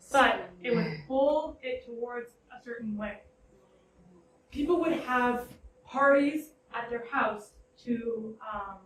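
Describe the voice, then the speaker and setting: Female tour guide, slightly high voice, loose conversational delivery with halting phrasing; roomy echo, off-mic. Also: fairly bright tone. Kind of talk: informal guided tour narration to a small group. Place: indoors in a house parlor. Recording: roomy echo, distant mic, background noise.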